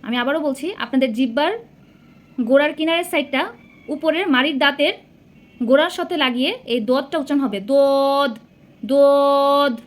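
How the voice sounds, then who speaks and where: A woman teaching Arabic letter pronunciation as a patient Quran reading teacher, sounding out each letter slowly and repeating it with care. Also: high voice. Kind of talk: slow recitation lesson.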